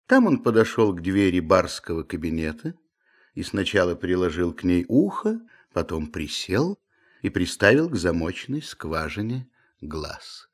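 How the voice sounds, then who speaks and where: A man reading a classic novel aloud in a measured, expressive storytelling manner. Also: sits low. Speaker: audiobook narrator. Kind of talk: literary audiobook reading.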